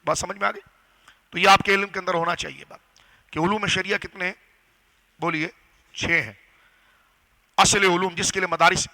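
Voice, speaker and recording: Male preacher, high voice, very bright and sharp, didactic lecture, questions to audience. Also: poor audio. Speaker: Islamic scholar and preacher. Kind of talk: religious lecture. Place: gathering hall.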